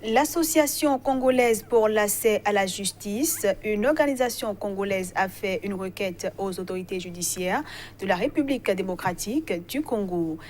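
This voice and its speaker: A woman news anchor presenting headlines in a crisp, formal way. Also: medium pitch, animated, normal speed, darkish tone, slight background noise.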